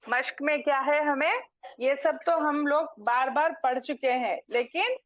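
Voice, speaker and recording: Female recitation teacher; unhurried lesson delivery, drills each sound twice, slightly muffled recording. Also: high-pitched. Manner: drills syllables slowly, repeating each twice. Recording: dull lo-fi sound.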